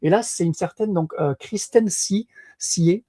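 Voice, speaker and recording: A man's voice: high-pitched, measured pace, mellow, slightly rough, no echo, studio quality. A man co-hosting a podcast in casual chat, hesitant with many fillers and restarts. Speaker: podcast co-host.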